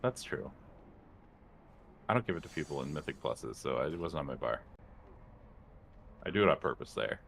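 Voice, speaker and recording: A man's voice: very deep voice, expressive, moderate pace, gravelly, pauses often, a bit bright, a little hiss or hum. A man talking casually with teammates over gaming voice chat. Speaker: raid player.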